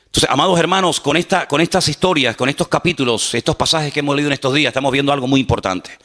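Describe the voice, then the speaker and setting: A male pastor delivers a lively sermon, acting out quotes and joking with his congregation. His voice is fairly high and his pace is quick.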